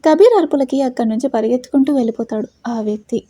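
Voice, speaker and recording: Husky-voiced woman narrating a story. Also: high voice, fast, warm tone, no room sound. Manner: dramatic storytelling. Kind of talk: scripted audio story narration.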